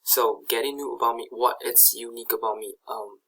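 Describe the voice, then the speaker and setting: A young Taiwanese student, a native Chinese speaker with a Taiwanese accent, gives a slide presentation hesitantly, full of fillers and restarts. His medium-pitched voice is steady, fairly quick, and a bit bright, and the audio quality is poor.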